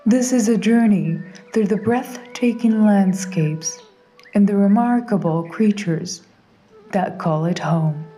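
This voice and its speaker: Slow, mellow female documentary narrator. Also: mid-range voice. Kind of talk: scripted nature documentary narration.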